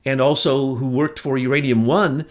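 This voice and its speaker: A man co-hosting a political talk show, speaking in an indignant, emphatic way that rises to near shouts. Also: mid-range voice, steady tone, normal speed. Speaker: podcast co-host. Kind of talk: heated political commentary.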